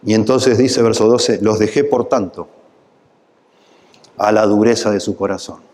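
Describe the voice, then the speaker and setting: A man's voice: fairly low pitch, fairly even intonation, a little slow, darkish tone, long reverb tail. A man with a Rioplatense Spanish accent preaching a sermon, voice swelling into impassioned pleading at its peaks. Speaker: pastor.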